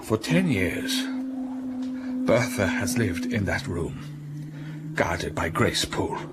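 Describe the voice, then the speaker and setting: An actor playing Mr Rochester, a brooding gentleman telling his troubled past in a radio drama with slow, heavy storytelling that flares up with passion. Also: low voice, very animated, heavy background noise, exaggerated voice.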